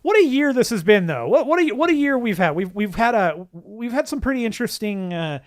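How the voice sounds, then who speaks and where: Co-host, male, slightly high voice, animated, dry sound, wry and stammery. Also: a little fast, dry recording. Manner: wry, sighing, stammers and repeats words. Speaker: podcast co-host. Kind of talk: casual chat.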